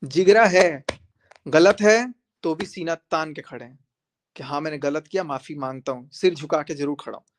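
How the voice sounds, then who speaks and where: Speaking at normal speed in a higher-pitched voice, a man on a live stream keeps challenging a rival to come on. He repeats himself, stays confrontational and talks straight to his viewers.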